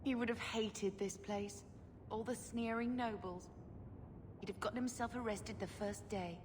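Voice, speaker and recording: An actress playing a gentle, earnest young mage, a devoted younger sister, in a video game. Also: female voice, fairly high pitch, steady tone, a little slow, background noise, natural voice. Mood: wistful. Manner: earnest, wistful. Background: game music.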